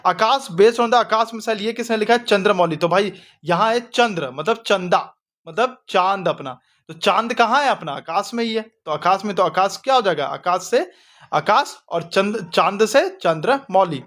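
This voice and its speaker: This revision teacher speaks in a high, light, expressive voice that is a bit bright, quizzing his students with quick questions he then answers himself. His chatty, informal style includes calling listeners "bhai", or brother.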